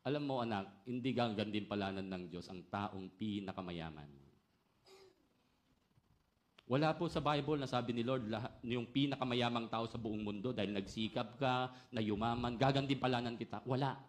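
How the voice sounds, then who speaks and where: A middle-aged man preaching a sermon loudly and energetically, often calling out "Amen?" to the congregation. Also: medium pitch, a little fast. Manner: loud, energetic preaching with call-and-response "Amen?".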